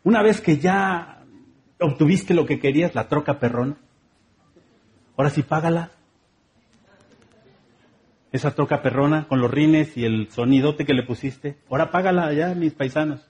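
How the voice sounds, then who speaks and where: A man's voice: a little high, moderate pace, pauses often, darkish tone. A man with a Mexican accent preaching a sermon in a conversational, humorous way, repeating phrases rhythmically.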